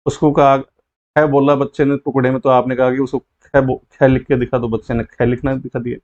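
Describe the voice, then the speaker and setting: A man's voice: mid-range voice, level tone, normal speed, darkish tone, muffled recording. A male teacher patiently explaining a lesson step by step, often repeating key points.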